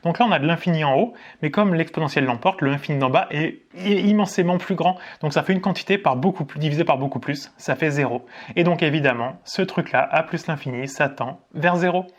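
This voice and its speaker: Casual higher-voiced man teaching maths. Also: brisk, few pauses, muffled recording. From France. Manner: casual, thinks aloud, asks and answers his own questions. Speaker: maths tutor. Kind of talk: explaining a maths lesson at a board. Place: indoors in front of a board.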